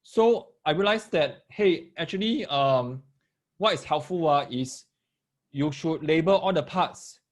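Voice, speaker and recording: A man's voice, on the high side with lively intonation and an unhurried pace, speaks with a Singaporean accent and Singlish particles. He's a maths tutor giving a live online lesson to parents and children, explaining step by step, repeating phrases and checking that everyone follows.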